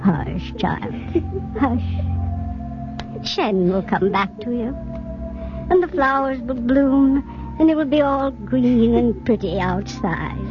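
An actress playing a frail old grandmother in a radio drama, speaking slowly with a quavering, tender voice. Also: a little high, animated, over music. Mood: soothing. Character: frail old grandmother, fearful then gently soothing. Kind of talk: 1940s radio acting. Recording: muffled old radio recording.

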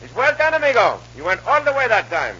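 A man's voice: very high-pitched, huge pitch swings, fast, slight background noise, heavily acted. An actor playing a charming, patient caballero hero who encourages his friend and drops in words. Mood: encouraging. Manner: warm, encouraging, sprinkles Spanish words. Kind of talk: 1940s radio acting. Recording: muffled old radio recording.

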